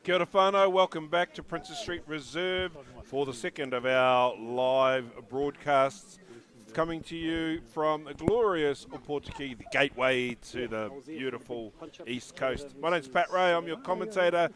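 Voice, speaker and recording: A man commentates live on rugby, speaking in a slightly higher-pitched voice. He addresses the audience as a broadcast presenter. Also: a little slow, a bit bright. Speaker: sports commentator.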